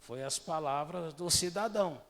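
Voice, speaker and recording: A man's voice: on the high side, moderate pace. A man with a Brazilian Portuguese accent, a pastor giving a live church sermon. He preaches in a conversational way and keeps asking the congregation rhetorical questions. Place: church sanctuary. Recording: long hall reverb.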